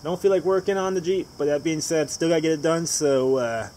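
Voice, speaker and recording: A man's voice: a little high, brisk, slight background noise, low-quality recording. A man hosting a casual video while working on a vehicle at home, rambling with many filler words and dry, self-mocking humor. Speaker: host. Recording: crickets and insects chirping loudly behind.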